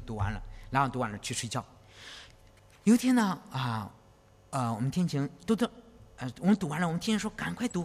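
Middle-aged male pastor, lively sing-song delivery, husky, recorded in an echoing hall. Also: mid-range voice. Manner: animated, repeats phrases, asks "you know?". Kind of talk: sermon.

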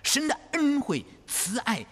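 Husky-voiced pastor preaching in an echoing hall. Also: male voice, very high-pitched, unhurried. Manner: animated, repeats phrases, asks "you know?". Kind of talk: sermon.

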